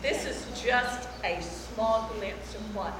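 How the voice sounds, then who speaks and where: A woman giving a slow, drawn-out prophetic word during church worship, her phrases swelling toward song. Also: a little high, heavy background noise. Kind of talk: prophetic exhortation over worship music. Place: large church sanctuary. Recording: echoey hall with music behind.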